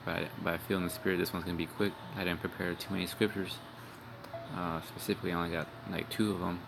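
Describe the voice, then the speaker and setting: Talking fast in a low, gravelly, flat voice, a young man preaches street-style in an informal religious video. He is profane and blunt, rambling and tagging phrases with "man" and "all right," with music in the background.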